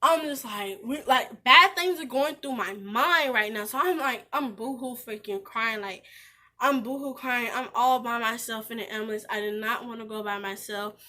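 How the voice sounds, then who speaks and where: A woman vlogger telling a personal story in a casual, animated way, speaking straight to her viewers and often restarting her sentences. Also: a little high, moderate pace.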